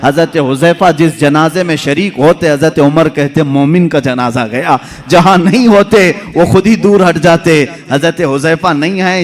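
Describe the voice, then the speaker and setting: A middle-aged male preacher giving a sermon, swinging from loud poetic recitation to hushed storytelling. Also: on the high side. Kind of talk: Urdu-Hindi religious sermon.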